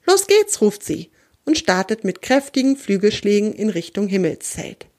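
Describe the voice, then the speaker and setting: A woman reading a children's story aloud in a gentle, expressive way. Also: medium pitch, normal speed.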